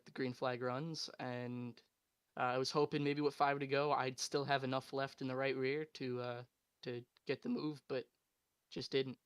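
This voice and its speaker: A man, the second-place racer, answering calmly and matter-of-factly in a post-race interview. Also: medium pitch, clear, resonant tone, no room sound. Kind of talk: casual interview.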